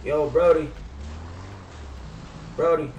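On the high side and fairly even in intonation, a young adult American man speaks slowly and casually in slang while streaming a crime roleplay game. He's in a room at home with a gaming headset. The audio is dull, noisy, echoey, and slightly distant, with game car and ambience noise.

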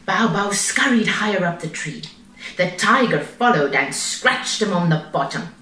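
Storybook reader: a woman reading aloud slowly and expressively, bright tone, echoey room heard from a distance. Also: on the low side. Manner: slow, expressive. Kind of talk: reading a picture book aloud.

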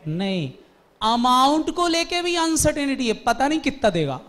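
High-voiced man lecturing a commerce class. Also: normal speed. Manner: animated storytelling, quizzing students. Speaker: commerce teacher.

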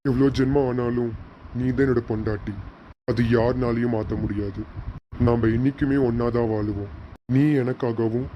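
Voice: medium pitch, fairly even intonation, moderate pace, natural voice. An actor voicing a devoted young man who speaks in an earnest, comforting way. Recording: dull, slightly noisy amateur recording.

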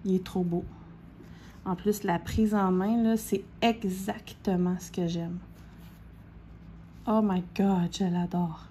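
A woman with a Québécois French accent gushes excitedly while unboxing crafting pens, breaking into gasps and squeals. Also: mid-range voice, takes it slowly, pauses often, slight background noise. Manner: gushing, with gasps, squeals and repeated exclamations. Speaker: diamond painting vlogger.

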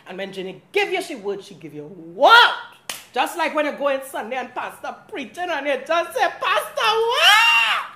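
Sassy high-voiced Trinidadian woman. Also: echoey room. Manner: sassy, dramatic, rapid swings in loudness. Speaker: vlogger. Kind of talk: comic monologue to camera.

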